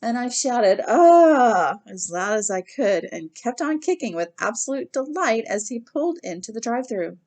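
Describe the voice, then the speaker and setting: A woman reading a novel aloud in the first person, with lively, expressive storytelling. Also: a little high, moderate pace, hardly any pauses. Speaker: reader.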